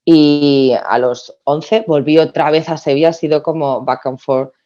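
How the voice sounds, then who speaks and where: A woman's voice: sits low, a little slow. Woman guest on a dull lo-fi line. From Spain. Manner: lively storytelling with frequent restarts. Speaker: podcast guest. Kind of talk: casual podcast interview.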